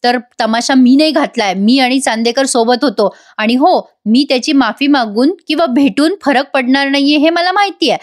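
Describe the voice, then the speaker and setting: A woman's voice: high voice, normal speed, few pauses, lightly acted. A woman voicing a stubborn, emotional young wife who pleads with her older sister and stands up to her. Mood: defiant. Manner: pleading, heated when pushed.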